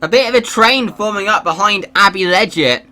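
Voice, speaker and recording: A man giving live sim-racing commentary in the excitable manner of a motorsport commentator. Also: high voice, moderate pace.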